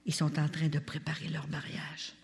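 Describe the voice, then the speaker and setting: A woman's voice: deep voice, normal speed, slight background noise. Older woman with a Canadian French accent. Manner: animated, talks straight to the audience. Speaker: speaker at a religious retreat. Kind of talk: testimony storytelling.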